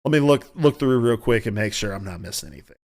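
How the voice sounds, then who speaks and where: Country-accent guy riffing solo on his podcast at home, opinionated, keeps restarting sentences, mid-pitched voice. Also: lively intonation, quick pace, gravelly, darkish tone. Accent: Southern US country. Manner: rambling, self-correcting, opinionated. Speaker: podcast host. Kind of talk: casual solo commentary.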